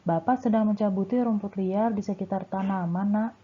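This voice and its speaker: A woman reading aloud the part of a patient male school gardener who calmly explains his work. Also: medium pitch, normal speed, husky, close to an everyday voice. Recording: tinny phone-like sound.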